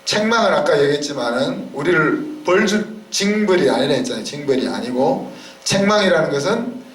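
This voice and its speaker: A man's voice: a little high, lively intonation, a little fast. A man, a pastor, preaching a sermon in a conversational way, often checking in with the congregation. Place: church sanctuary. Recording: roomy church sound from a distance.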